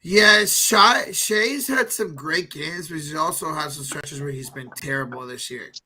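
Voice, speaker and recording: Man with a very bright, sharp voice. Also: on the high side, measured pace, husky. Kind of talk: casual live sports chat.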